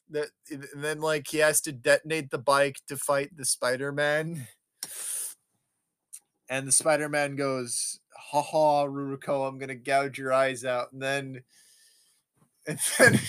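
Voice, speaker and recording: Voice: medium pitch, fairly bright tone, clean tone. A host casually recapping a film's plot in a rambling way, with many restarts and chuckles. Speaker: film reviewer.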